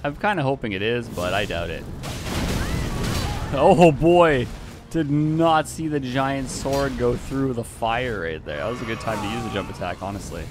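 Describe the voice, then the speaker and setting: Amid a noisy background, a gaming YouTuber talks at normal speed in a medium-pitched voice with lively intonation. He casually jokes through his own gameplay, chuckling a lot and greeting the other players he encounters.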